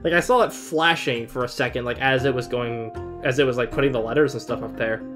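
A man in his twenties, hosting a reaction video from his bedroom, rambles casually and informally off the cuff with some mild swearing. He talks fast in a mid-range voice, and music plays in the background.

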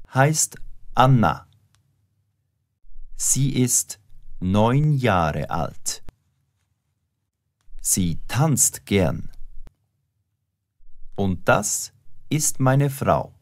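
Male lesson narrator, very slow and clearly enunciated, dry booth. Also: lowish voice, no room sound. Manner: clear, careful enunciation for learners. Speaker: language teacher narrator. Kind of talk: slow scripted language-lesson reading. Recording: dry studio voice-over.

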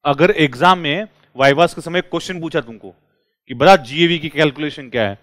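A man teaching a class, lively and drilling his students with repeated questions. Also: on the high side, moderate pace, no room sound. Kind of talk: classroom lecture.

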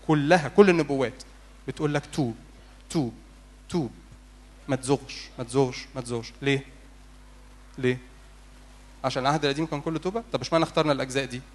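A man with an Egyptian Arabic accent, a priest preaching a sermon in church, pleading and putting rhetorical questions to his listeners. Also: a little high. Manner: urgent, pleading, asks the congregation rhetorical questions.

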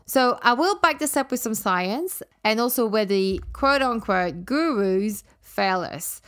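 High-voiced woman podcaster with w-like R's. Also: a bit bright, smooth. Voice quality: cannot say English R's properly, sounding close to w. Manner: emphatic, playful, blunt, repeats words for emphasis. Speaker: podcast host and women's health coach. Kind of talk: podcast monologue, addressing listeners directly.

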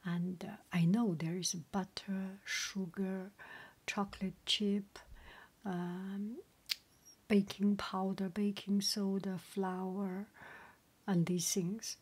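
A middle-aged woman whispering a casual ASMR chat as a home cook, halting and often repeating herself in a breathy voice. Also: medium pitch, little pitch movement, darkish tone. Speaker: home cook and video creator.

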